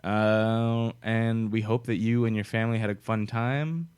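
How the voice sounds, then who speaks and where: A young podcast co-host with a lowish, clear, resonant voice speaks a little slowly, with fairly even intonation and a slightly mellow tone. He's a chatty storyteller in a casual conversation. He laughs often.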